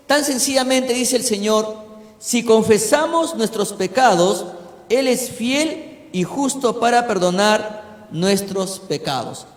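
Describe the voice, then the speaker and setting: A man preaching as a pastor, teaching a congregation and often checking in with "¿no?". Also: high-pitched. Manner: preaching with frequent "¿no?" check-ins. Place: church hall. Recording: echoey church hall with long reverb.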